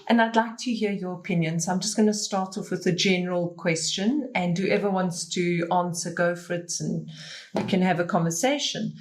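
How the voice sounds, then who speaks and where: Host: middle-aged woman, slightly low voice, easygoing and reflective, pauses to find her words. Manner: thoughtful, with fillers and restarts. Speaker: podcast host. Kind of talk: casual panel discussion.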